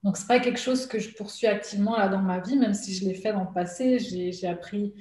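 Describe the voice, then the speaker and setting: Chatting from home under lockdown, a woman from Switzerland who works as an artist and illustrator answers interview questions in an echoey room. She speaks a little fast in a mid-range, darkish voice, hesitating with plenty of fillers and frequent laughs.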